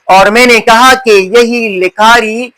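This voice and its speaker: A man with a high, bright voice gives a lecture as a teacher. He keeps asking questions and answering them himself. He lingers on key words, repeating them slowly and carefully. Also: steady tone, poor audio. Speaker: Urdu teacher. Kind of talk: classroom-style lecture.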